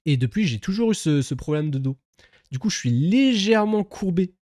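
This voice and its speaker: A man's voice: high voice, expressive, normal speed, darkish tone, dry recording, studio quality. A young man chatting casually on a live stream, rambling with many fillers, swearing and laughing at himself.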